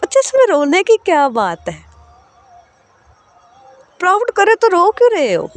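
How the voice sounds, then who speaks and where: A woman voicing a tender young woman who keeps gently asking her crying partner what is wrong. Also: extremely high pitch, wildly swooping pitch, a little slow, no echo, faint music behind, pitched above the performer's own voice, heavily acted. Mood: amused. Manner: coaxing, repeated worried questions.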